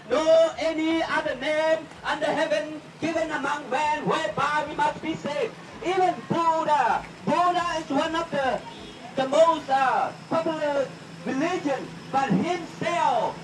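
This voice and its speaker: High-pitched male doomsday street preacher. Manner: loud, exhorting, repetitive warnings of judgment. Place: outdoors at a flea market. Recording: distant, echoey, noisy outdoor recording.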